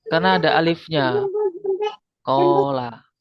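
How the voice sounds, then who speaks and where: A man teaches a grammar lesson in a fairly high voice. He explains patiently, repeats each term and quizzes his students. The sound is dull and lo-fi, with a dry, close feel. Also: takes it slowly, no echo.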